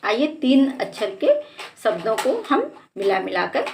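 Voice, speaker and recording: A woman teaching how to read words, patient and repeating each word slowly. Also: fairly high pitch, huge pitch swings, creaky, a little mellow, a little hiss or hum. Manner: patient, drills each word twice, stressing sounds. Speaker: Hindi reading teacher. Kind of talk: slow classroom lesson.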